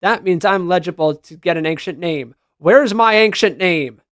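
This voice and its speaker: A gaming content creator reacts to what he reads with casual, slangy commentary. His voice sits high with a fairly bright tone at a moderate pace, recorded as clean studio sound with no room sound.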